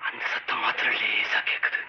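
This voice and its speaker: An actor playing an excitable, boastful young would-be film director, talking in a shrill, theatrical way. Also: male voice, fairly quick, husky, exaggerated voice. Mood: hushed, spooky. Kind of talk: vintage film comedy acting. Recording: muffled old film soundtrack.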